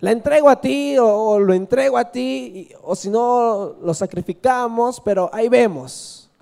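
A man voicing an anguished biblical father who is bound by a vow to God, in a mellow, fairly high voice. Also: a little slow, gravelly, heavily acted. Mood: pleading.

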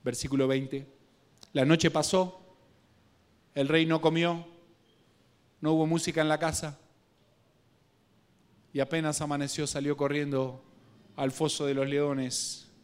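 A male preacher with a Guatemalan Spanish accent delivers a sermon in a somewhat high voice. He tells the story with local slang and humor. He drops to a quiet, slow reading, then rises to louder, quicker bursts. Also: little pitch movement, smooth.

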